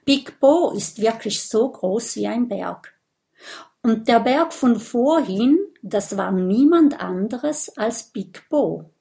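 A woman narrating a children's audiobook in a slow, clear storytelling manner. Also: on the high side, animated, mellow.

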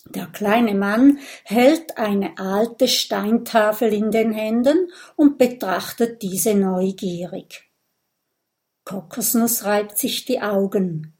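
A woman narrates a children's story in an unhurried, measured way. Her pitch sits in a plain middle range, and she leans gently into each scene. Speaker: audiobook narrator. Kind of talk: children's audiobook reading.

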